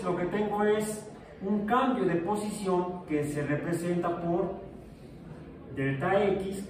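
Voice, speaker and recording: A man's voice: sits high, noisy background. A male physics teacher, lecturing a class in a joking way and asking his students questions. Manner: jokey, asks the class questions. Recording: echoey room, far from mic.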